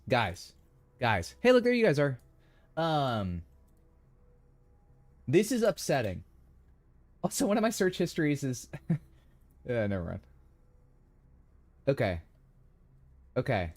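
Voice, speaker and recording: A man's voice: medium pitch, huge pitch swings, a little slow, long pauses, no echo. A young man streaming a game, chatting playfully with his viewers. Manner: playful, chatty, addresses chat. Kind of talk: casual live-stream commentary.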